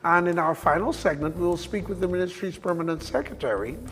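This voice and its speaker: Male host, measured and hesitant; reverberant hall with faint music under him. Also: high-pitched, a bit bright. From Bahamas. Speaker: talk show host. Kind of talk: hosting interview.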